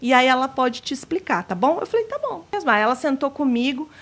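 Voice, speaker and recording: A woman's voice: high-pitched, quick pace, a bit bright. A woman telling her personal testimony as an interview guest, acting out the dialogue she recalls. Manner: retells scenes by acting out quoted dialogue.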